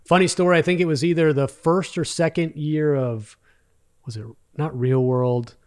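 A man's voice: on the high side, steady tone, moderate pace. A man with a light Texas accent, telling stories in a casual podcast chat as a guest. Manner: chatty storyteller. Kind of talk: casual conversation.

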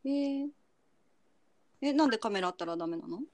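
A woman's voice: a little high, lively intonation, brisk, a little mellow, dry recording. A young woman co-hosting a casual chat over a call, chatty and laughing often. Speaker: podcast co-host. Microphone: remote call recording.

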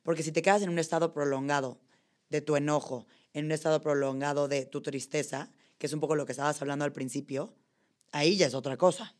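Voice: mid-range voice, fairly even intonation, quick pace. Curious podcast host asking questions. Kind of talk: casual interview.

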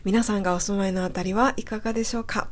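A woman's voice: medium pitch, fairly even intonation, rapid-fire. A woman hosting an English-lesson radio show, explaining phrases patiently and step by step. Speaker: English teacher and host.

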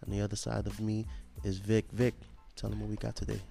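A man's voice: lowish voice, completely flat delivery, fast talker, gravelly, warm tone, faint music behind. A man hosting a podcast in casual chat, with a laid-back, drawling delivery. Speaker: podcast host.

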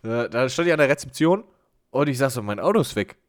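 Lively man telling a story. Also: mid-range voice. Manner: animated, acts out dialogue, quick asides. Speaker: podcast co-host. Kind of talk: casual storytelling chat.

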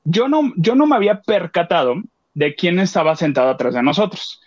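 A man's voice: high voice, animated, a little fast, darkish tone, lo-fi sound. A man with a Mexican accent chatting on a radio show, telling a story animatedly and acting out the voices of the people in it. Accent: Mexican Spanish. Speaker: co-host. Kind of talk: casual chat, retelling a theater outing.

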